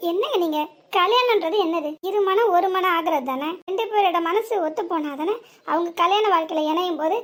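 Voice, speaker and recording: A woman voicing a quick-tempered, sharp-tongued young wife in a cartoon serial. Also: very high-pitched. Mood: arguing. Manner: bickering, sharp, quick retorts. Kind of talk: Tamil cartoon serial voice acting.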